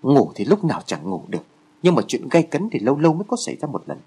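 A man voicing an excitable, nosy teenage boy who bickers urgently with his friend while reading a horror story aloud. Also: mid-range voice, fast talker, breathy edge, heavily acted. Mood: eager.

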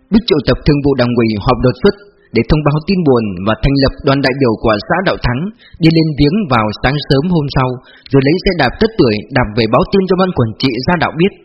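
A man narrating an audiobook in a steady storytelling manner. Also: fairly high pitch, slight background noise. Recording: dull lo-fi with faint music.

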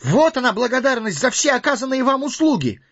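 Bilbo, a high stammering timid hobbit. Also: male voice, sing-song, a little fast, a bit bright, dry recording, dull audio, heavily acted. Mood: flustered. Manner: stammering, pleading. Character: frightened small male hobbit, timid.

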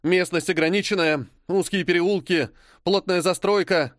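A man voicing a young male army adjutant giving a rapid, formal military report. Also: sits high, no room sound, studio quality, pitched above the performer's own voice, lightly acted.

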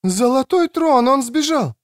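A man voicing a frightened young woman who reacts with high, startled exclamations. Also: animated, measured pace. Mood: alarmed.

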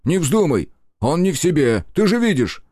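A man puts on a slightly high, somewhat mellow voice, pitched above his natural range, to play an anxious young friend urgently pleading for peace. His pitch swings widely at a moderate pace, and he sounds alarmed. The recording is dry, with clean studio sound.

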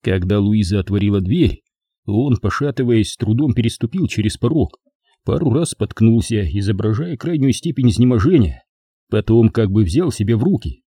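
A male narrator reads a first-person crime story with a husky, mellow voice. His delivery is animated, with pitch moving over a wide range. The recording is dry and close. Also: normal speed, no echo. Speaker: audiobook narrator.

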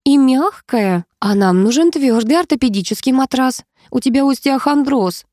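A woman's voice: high voice, expressive, normal speed, dark tone, no room sound, clean studio sound, voice pushed up. A woman voicing a fussy middle-aged wife who exclaims over a bed.

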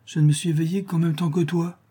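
A man's voice: fairly high pitch, flat delivery, quick pace, warm tone, slightly rough, pitched above the performer's own voice. A man voicing a frightened, desperate middle-aged mother who speaks in a pleading, anxious way. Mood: tender.

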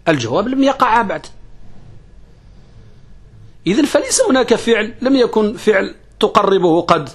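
A husky man with a slightly high voice teaches a grammar lesson. He poses questions and answers them himself, repeating his key phrases. His pace shifts, drawing some words out and rushing through others.

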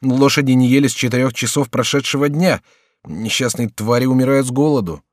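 A man's voice: medium pitch, a little fast, dry recording, clean studio sound, pitched above the performer's own voice, lightly acted. A man reading the part of a worried cavalry soldier addressing his commander in an audiobook.

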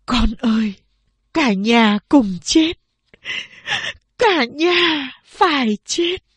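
A woman's voice: very high-pitched, animated, slow, no echo, voice pushed up, heavily acted. A woman voicing a desperate peasant mother worn down by famine, pleading and wailing in a raised voice. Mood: despairing.

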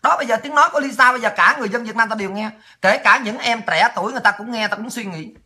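Taunting detractors with curse words, a woman delivers a rapid-fire, enraged rant on her political livestream. Her tone is sharp and her pitch on the high side.

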